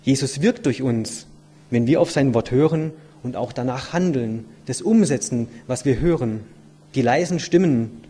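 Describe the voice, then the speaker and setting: A man's voice: mid-range voice, normal speed, dark tone, husky. A man giving an earnest, reflective sermon, asking his listeners many rhetorical questions. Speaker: lay preacher. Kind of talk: sermon with a read-aloud story.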